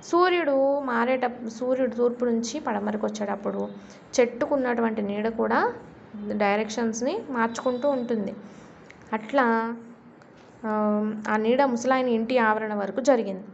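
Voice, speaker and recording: A woman teacher telling a story to a class, going slowly and asking questions to explain words. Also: a little high, creaky, slight background noise. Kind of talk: storytelling lesson for children. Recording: dull lo-fi recording.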